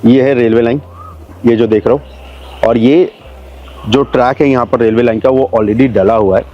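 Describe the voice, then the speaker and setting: In a chatty video, a travel and real estate vlogger explains things to viewers, calling them brother and friends, as he drives a new expressway and visits a building site. His mid-range voice has fairly even intonation and a moderate pace. The audio is dull, with a little hiss or hum.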